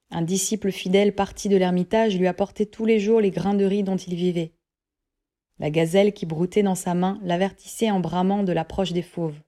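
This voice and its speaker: A woman narrating a literary audiobook in a measured, even reading voice. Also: fairly low pitch.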